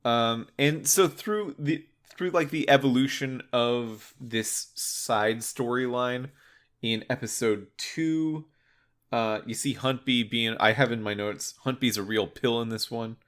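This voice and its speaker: A man co-hosting a casual discussion about games, explaining things in a halting, discursive way. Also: mid-range voice, fairly bright tone. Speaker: podcast co-host.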